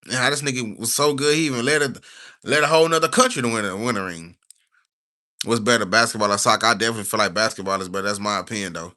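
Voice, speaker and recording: Bright-voiced young streamer rambling. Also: male voice, on the low side, fast. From United States. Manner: rambling, slangy, animated; reads stiffly from notes. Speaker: livestreamer. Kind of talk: casual livestream talk.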